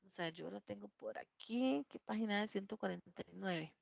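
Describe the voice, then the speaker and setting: Woman, English teacher, dry sound, slow careful examples. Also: mid-range voice, vocal fry, dry recording, highs cut off. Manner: reads English examples aloud slowly, checks with "¿verdad?". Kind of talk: classroom grammar explanation. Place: classroom.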